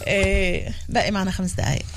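A woman's voice: medium pitch, fast, a little hiss or hum. A woman hosting a live interview as a talk show host.

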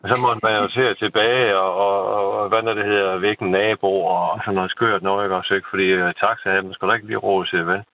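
A man's voice: lowish voice, steady tone, few pauses, slight background noise. A middle-aged man calling in over the phone, chatting casually and rambling with repeated words and tag questions. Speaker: caller. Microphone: telephone. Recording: tinny phone line.

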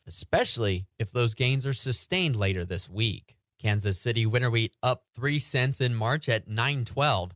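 In a clean, dry studio recording, a male anchor delivers a radio farm report. He reads agricultural news and market prices steadily in a mid-range newsreader voice.

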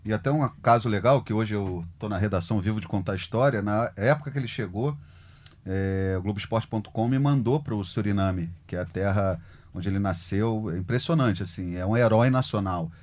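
A man talking football in an animated, emphatic, colloquial way as a sports journalist. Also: lowish voice, a little fast. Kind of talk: casual sports discussion.

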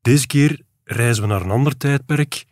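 A man's voice: medium pitch, moderate pace, dry recording, clean studio sound. A man, an editor, co-hosting a podcast and steering the talk with questions. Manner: asks guiding questions. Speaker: editor co-host. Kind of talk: podcast conversation.

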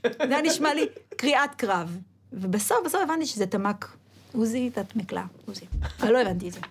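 Lively woman telling comic stories. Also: a little high, breathy edge. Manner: lively, acts out shouted drill calls. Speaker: comedian telling army stories. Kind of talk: comic storytelling.

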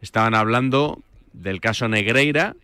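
A man's voice: fairly low pitch, normal speed, sharp tone, clean tone, no room sound. A man hosting a radio show, chatting casually and introducing clips.

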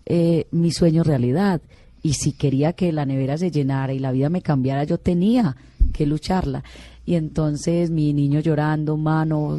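Dark-voiced woman telling her story. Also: low-pitched, no echo. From Colombia. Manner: earnest, emotional storytelling with many restarts. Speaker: guest singer. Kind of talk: casual interview, telling stories.

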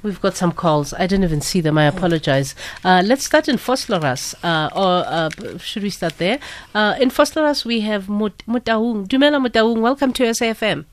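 A woman's voice: mid-range voice, expressive, normal speed, few pauses, slight background noise. A woman with a South African accent hosting a live radio talk show from a studio, interviewing and taking calls conversationally. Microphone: close studio microphone.

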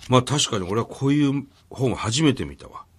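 Japanese man hosting a lively radio chat. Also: mid-range voice, moderate pace, slightly rough. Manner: reads listener mail aloud, then chats and jokes. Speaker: radio show host.

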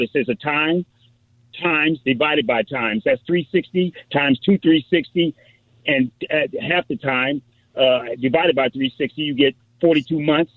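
A man's voice: medium pitch, no echo. A man, a pastor, calling in to a radio show over the telephone line, eager and repeating himself as he cites scripture verses. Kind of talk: phone-in radio call. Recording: narrow tinny phone line, dry.

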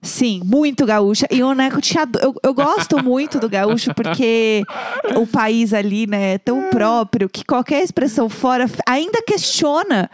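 A woman co-hosting a casual chat at home, expressive and teasing, with frequent exclamations. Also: a little high, moderate pace, crowd noise. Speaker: co-host.

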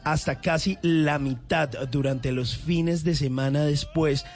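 A man's voice: fairly high pitch, steady tone, takes it slowly, soft background music. Enthusiastic man sharing trivia. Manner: enthusiastic, rambling storyteller. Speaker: host. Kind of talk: casual trivia chat.

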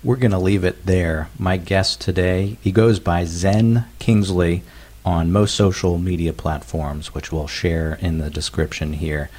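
A man hosting a newsroom interview, with a husky voice. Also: sits low, steady tone, measured pace, darkish tone.

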